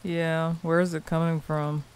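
A woman playing a deadpan, dismissive young socialite in a comedy skit, bored and cutting. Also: low voice, measured pace, clean tone. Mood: bored disdain.

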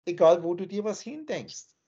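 Guy lecturing hard over a lo-fi call, low husky voice, kinda scornful. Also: expressive, normal speed, warm tone. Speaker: spiritual teacher. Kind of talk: lecturing monologue on a video call. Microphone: video call. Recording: dull lo-fi online call audio.

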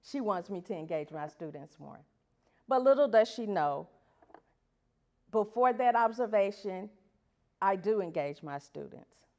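A woman's voice: medium pitch, lively intonation, unhurried, vocal fry, long pauses, a little mellow. A woman teacher giving a prepared talk at an education event, earnest and putting rhetorical questions to the audience. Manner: reads from prepared pages. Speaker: elementary school teacher.

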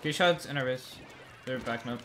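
A man's voice: mid-range voice, moderate pace, crowd noise. A man giving terse, often repeated combat callouts to teammates while playing a team video game. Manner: terse, repetitive tactical callouts.

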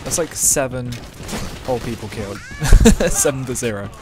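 A man's voice: mid-range voice, expressive, normal speed, background noise. A young man from England casually commenting on a shooter game he is playing, joking and swearing at opponents. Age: young adult. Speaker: gameplay commentator. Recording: loud gunfire from the game behind.

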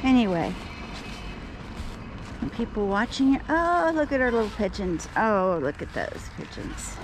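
Her voice a little high and sing-song, a woman unhurriedly narrates a laid-back vlog while feeding wild birds on roadside grass. Between chatting to the birds and complaining about locals, she holds her camera low, picking up outdoor noise of traffic and birds.

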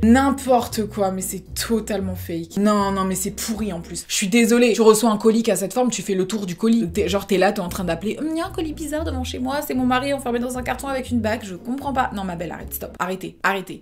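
A woman's voice: mid-range voice, a little mellow. A young woman hosting a casual reaction vlog, gushing and exclaiming and mixing English words into her talk. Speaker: reaction video host.

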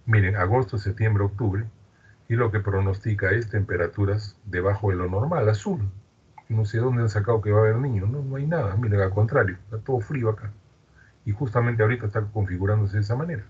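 A Peruvian man teaches an online class in a very husky, breathy voice that sits on the low side. He explains things in a chatty way and keeps checking in with his students. The sound is dull and lo-fi. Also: a little fast, darkish tone. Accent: Peruvian Spanish. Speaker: university lecturer.

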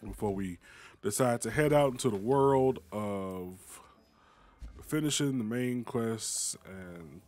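A man with a sick, hoarse voice giving casual gameplay commentary, swearing and mumbling at the game. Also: fairly low pitch, slow pace, a little mellow. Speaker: gaming streamer.

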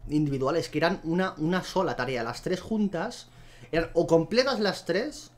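A man's voice: fairly high pitch, moderate pace. Chatty gamer man. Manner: chatty, talks to the animals and viewers, easily excited. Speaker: gameplay video host. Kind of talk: casual gameplay commentary.

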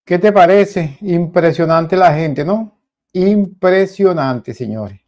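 Animated Venezuelan man commenting on news. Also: high voice, takes it slowly. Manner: animated, repetitive, addresses viewers as "señores". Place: small indoor home studio. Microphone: headset.

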